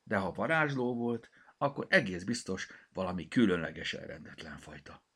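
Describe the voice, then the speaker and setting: A man's voice: low-pitched, big pitch swings, sharp tone, husky, exaggerated voice. A man voicing a kindergarten teacher who exclaims and gives orders. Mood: puzzled. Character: kind kindergarten teacher, woman.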